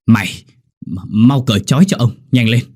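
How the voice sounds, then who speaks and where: A man's voice: mid-range voice, moderate pace, a little mellow, slightly rough, close to an everyday voice. A man voicing a cruel old male landlord who barks orders and trembles when afraid. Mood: demanding.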